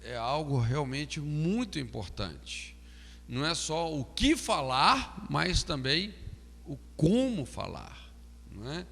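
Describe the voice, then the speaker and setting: A man's voice: fairly high pitch, big pitch swings, slow, creaky, fairly bright tone, in a large hall. A man, a pastor giving a recorded lecture on counseling, explaining and often asking "não é?". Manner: frequent tag questions "não é?"; explanatory, stresses key words. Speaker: pastor teaching a counseling course.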